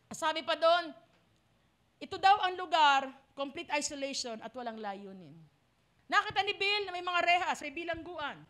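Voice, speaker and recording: A woman's voice: extremely high pitch, fairly bright tone. A woman pastor with a Filipino accent preaching a sermon, dramatic and acting out the cries of the lost. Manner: dramatic, acts out voices of the lost.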